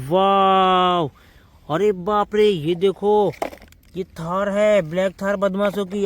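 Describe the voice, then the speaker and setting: A man excitedly narrating toy car play for children, calling out to the kids and making vehicle sounds with his mouth. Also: high-pitched, slight background noise.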